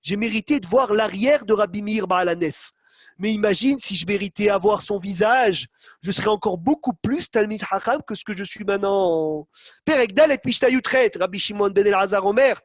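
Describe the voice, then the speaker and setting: Animated high-voiced man teaching Torah. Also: moderate pace, dry recording, studio quality. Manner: animated, calls on students by name, acts out quotes. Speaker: rabbi teaching a Torah class. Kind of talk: online Torah lesson.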